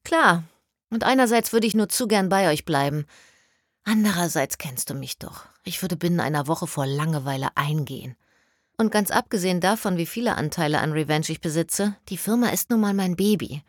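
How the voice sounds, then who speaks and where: A woman voicing a confident, brisk businesswoman who chairs her own company. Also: lowish voice, expressive, no echo, clean studio sound. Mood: self-assured. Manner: brisk, upbeat and self-assured.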